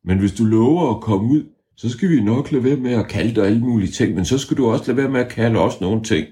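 Man doing a gentle teddy bear, soothing and reasonable, close to his own voice. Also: mid-range voice, pitched above the performer's own voice, natural voice. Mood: calm.

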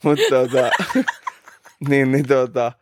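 A man's voice: mid-range voice, flat delivery, no room sound. A man in his late twenties, a podcast host, telling an anecdote in casual chat, swearing freely and laughing as he goes. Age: 20s.

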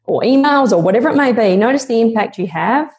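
A woman's voice: on the high side, lively intonation, quick pace, darkish tone. A woman guest on a podcast interview, speaking in an earnest, motivational and reflective way.

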